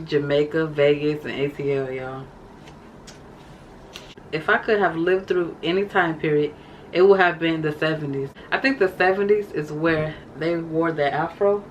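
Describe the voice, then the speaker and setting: A woman's voice: low-pitched, dull audio, slight background noise. Chatty woman reading her journal aloud. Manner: chatty, addresses viewers as y'all. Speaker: vlogger. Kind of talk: casual vlog, reading from a journal.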